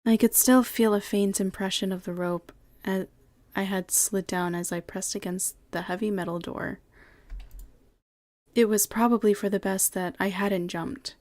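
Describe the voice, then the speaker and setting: A woman streamer in a home setup, reading the on-screen text of a game aloud at a measured pace. Between passages she answers her chat in quick, casual asides. Her pitch sits in an ordinary middle range. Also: fairly even intonation, a little mellow, no echo.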